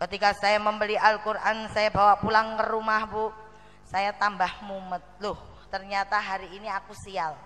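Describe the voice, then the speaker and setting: A woman with a Javanese accent giving a lively storytelling sermon about her conversion, acting out the voices of her friends as she speaks to a female audience. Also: medium pitch, normal speed, long reverb tail.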